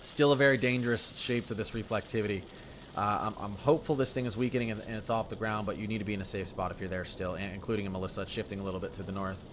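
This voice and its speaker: Low-voiced man giving live weather commentary. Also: steady tone, very fast, fairly bright tone, a little hiss or hum. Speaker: live severe weather stream host.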